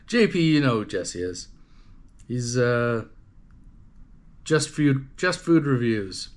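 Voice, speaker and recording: A man's voice: mid-range voice, big pitch swings, slow pace. A man from Canada casually chatting to his livestream viewers, rambling and swearing, with lots of fillers and restarts. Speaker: livestream host. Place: home livestream setup.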